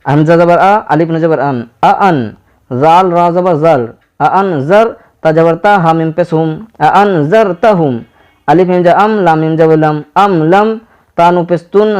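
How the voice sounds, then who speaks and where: Slow Indian man teaching Quran reading. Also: on the high side, darkish tone, clear, resonant tone. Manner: spells out letters and vowel marks syllable by syllable, then blends them. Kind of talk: slow step-by-step lesson.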